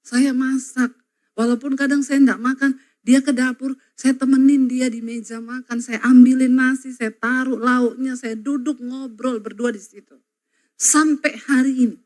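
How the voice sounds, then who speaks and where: A middle-aged woman pastor delivering a sermon in a high, bright voice. She tells homely stories and acts out the quarrels in them. She speaks straight to the mothers and fathers in the congregation. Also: normal speed. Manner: lively storytelling, acts out everyday quarrels in quoted voices.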